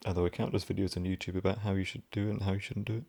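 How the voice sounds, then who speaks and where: A man in soft-spoken, whispered role-play, rambling gently and drifting between a whisper and a low voice. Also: little pitch movement, very fast, gravelly. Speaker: ASMR creator.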